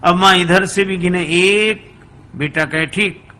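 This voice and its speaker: A man's voice: sits high, slow pace, pushed and bright. A man preaching a humorous storytelling sermon, acting out the dialogue of the characters as he goes. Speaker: religious preacher. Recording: echoey hall with faint ambience.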